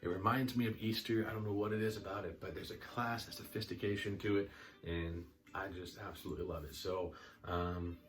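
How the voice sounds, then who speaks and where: A man's voice: low voice, steady tone, fairly quick, far from the mic. A young man chatting casually and enthusiastically while reviewing a fragrance, with lots of ums and restarts.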